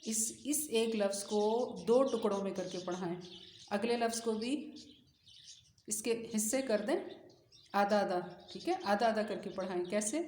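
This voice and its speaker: A woman teaching Qur'an reading, spelling out letters in slow, drawn-out drills and explaining the method to other teachers. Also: mid-range voice, darkish tone. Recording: echoey room with faint noise.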